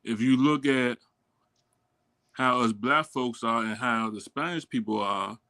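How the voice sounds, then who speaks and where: A man's voice: medium pitch, a little slow, bright, forceful tone. Slangy man in casual podcast talk. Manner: slangy, keeps asking "you know what I'm saying". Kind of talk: casual chat.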